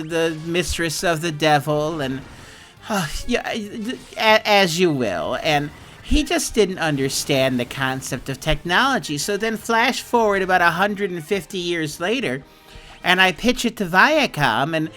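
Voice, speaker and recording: A man doing a high, rambling bitter woman. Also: bright, forceful tone, heavily acted. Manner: rambling, aggrieved storytelling. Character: chatty middle-aged woman, bitter ex-writer. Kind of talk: improvised comic character voice.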